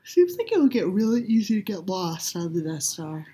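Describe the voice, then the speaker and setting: A woman chatting casually while watching a movie, joking and trading quick asides. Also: medium pitch, sing-song, warm tone. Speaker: movie commentator.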